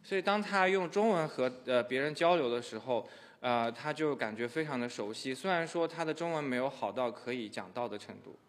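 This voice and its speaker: In an echoey church hall, a man with a mid-range voice interprets a sermon into another language at a fairly quick clip. He sounds hesitant, his speech full of filler sounds.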